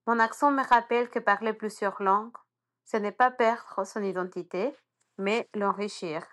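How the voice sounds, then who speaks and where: Spanish is the first language of this Honduran immersion teacher, whose accent carries traces of both Spanish and English. She delivers a prepared personal message in an earnest, encouraging way, her mid-range, fairly bright voice moving at a moderate pace.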